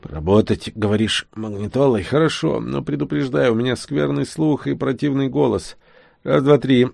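A man voicing a wounded talking tomcat who grumbles and sings in a raspy, wheezing voice. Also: mid-range voice, moderate pace, darkish tone, dry recording, clean studio sound, pitched above the performer's own voice. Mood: wry.

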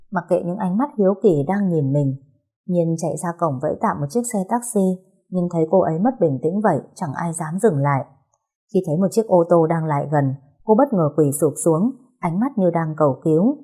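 A woman narrating a dramatic audio story in a steady, measured way. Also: fairly low pitch, breathy edge.

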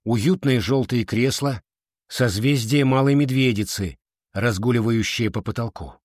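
A male narrator reads a children's fantasy book in a measured, steady storytelling voice. His pitch sits in the middle of the range. The recording is close and dry, with no reverb. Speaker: audiobook narrator. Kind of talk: scripted narration.

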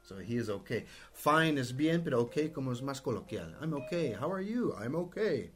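Lively playful man teaching on radio. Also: medium pitch, moderate pace, soft background music. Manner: playful, prompting, laughs often. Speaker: radio English teacher and host. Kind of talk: bilingual radio lesson, drilling students. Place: radio studio.

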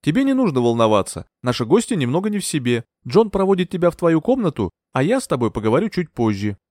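A man reading an audiobook, voicing a calm, condescending male psychiatrist in an unruffled professional tone. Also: a little high, fast, no room sound, clean studio sound, pitched above the performer's own voice. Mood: soothing. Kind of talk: audiobook character voice.

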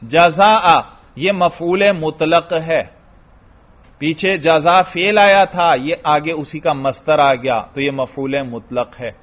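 Man teaching, slightly high voice, lo-fi. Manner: lively teaching, chants Arabic verses slowly, asks questions to class. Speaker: religious teacher. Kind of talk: classroom lecture explaining Arabic grammar. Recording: dull lo-fi lecture recording.

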